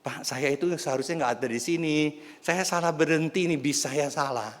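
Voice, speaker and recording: A man voicing a gentle teenage girl who speaks softly and earnestly to a stranger. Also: fairly high pitch, normal speed, in a large hall, voice pushed up, close to an everyday voice. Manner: soft, pleading.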